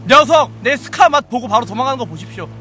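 A young man streaming a shooter game, commenting excitedly, exclaiming often and imitating gunfire sounds out loud. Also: very high-pitched, fast, over music. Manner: playful, mimics gunfire sounds, frequent exclamations.

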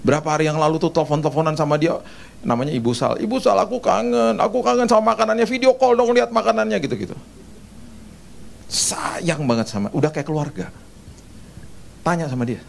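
A man's voice: mid-range voice, darkish tone, slight background noise. A middle-aged man preaching in a church service, telling chatty, jokey anecdotes. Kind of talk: humorous sermon storytelling.

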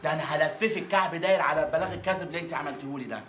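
An actor playing a bossy, threatening police officer in a sitcom, with an Egyptian Arabic accent. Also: male voice, fairly high pitch, racing, roomy sound, natural voice. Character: brash male police officer.

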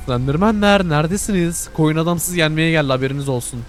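A man's voice: fairly high pitch, quick pace, soft background music. Jumpy young man narrating gameplay. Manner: jumpy, scared, addresses viewers, frequent exclamations. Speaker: gaming YouTuber. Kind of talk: live gameplay commentary.

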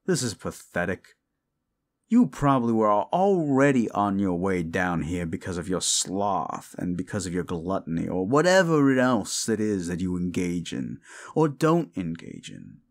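In a low, very animated, heavily acted voice, a man plays a condescending, seductive demon deal-maker in a scripted audio roleplay aimed at the listener. He speaks in a slow, theatrical, mocking drawl broken by amused chuckles.

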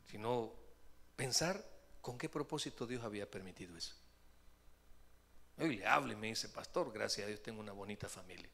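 A male pastor preaches, telling a long anecdote and slipping into the voices of its characters. His voice is gravelly and bright. His pitch swings widely as he goes. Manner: lively storyteller voicing the people in his story. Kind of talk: sermon with acted-out anecdote.

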